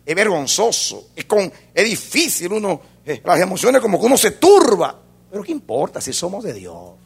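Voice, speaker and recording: A male pastor preaching with a gravelly, husky edge to his voice. His delivery swings between loud fervor and hushed intensity, and his pitch leaps all over the place as he drives each point home. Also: huge pitch swings, moderate pace. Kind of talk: sermon.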